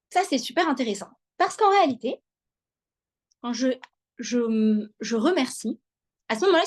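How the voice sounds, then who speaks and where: A high-pitched woman lecturing to a live online audience over a video call. She speaks directly to her listeners and repeats key ideas. She often hesitates and restarts a sentence. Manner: warm, repetitive, addresses listeners directly. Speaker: lecturer on wellbeing.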